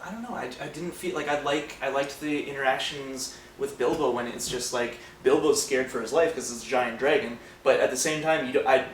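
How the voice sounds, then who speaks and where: A man's voice: mid-range voice, brisk, few pauses. Rambling male podcast co-host, roomy. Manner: rambling, lots of fillers. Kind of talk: casual film discussion. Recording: roomy, distant mic, faint noise.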